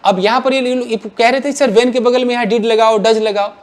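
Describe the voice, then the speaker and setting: A man teaching English grammar to a class, asking questions and answering them himself in an animated way. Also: very high-pitched, normal speed.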